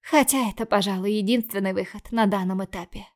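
A woman reading a first-person novel aloud in a steady, earnest storytelling manner. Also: mid-range voice, fairly quick. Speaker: audiobook reader.

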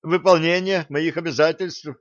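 A man's voice: a little high, steady tone, moderate pace, dry recording, lo-fi sound, voice pushed up, natural voice. A man reading an audiobook, voicing a shy, grumbling teenage cabin boy. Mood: earnest. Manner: grumbling, earnest.

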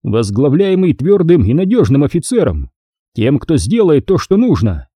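Narrator voicing a blunt commanding general, dark husky voice, lively delivery, audiobook. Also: male voice, fairly high pitch, moderate pace, dry recording, pitched above the performer's own voice, full character voice. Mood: stern.

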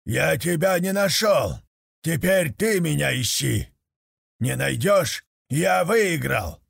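A man putting on a gravelly, bellowing khan. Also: on the high side, animated, a bit bright, no room sound, clean studio sound, voice pushed up, exaggerated voice. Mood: shouting. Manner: slow, bellowing commands. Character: domineering, greedy male khan.

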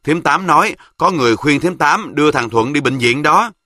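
A man voicing a clever, bossy boy from the south who speaks quickly and confidently with a Southern Vietnamese accent. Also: fairly high pitch, expressive, sharp tone, no room sound, studio quality, voice pushed up. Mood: scheming. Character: sharp, know-it-all southern boy, ringleader.

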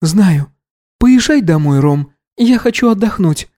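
A man reading an audiobook voices a sharp-tongued young woman who can turn into a panther, curt and defiant. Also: sits high, lively intonation, a little slow, voice pushed up. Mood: weary.

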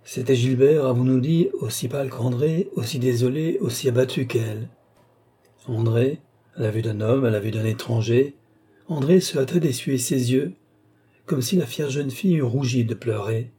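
A man narrating a classic novel as an audiobook, with measured, expressive reading. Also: mid-range voice, slightly rough.

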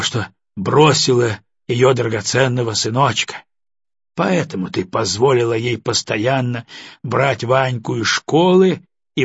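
Stern dad voice from a guy reading a book, cold and accusing, gravelly and husky, dull audio. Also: mid-range voice, fairly bright tone, dry recording, full character voice. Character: stern, sarcastic middle-aged father.

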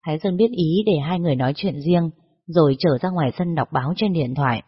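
Husky steady story narrator. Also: medium pitch, quick pace. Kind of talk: scripted storytelling. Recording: dull lo-fi recording.

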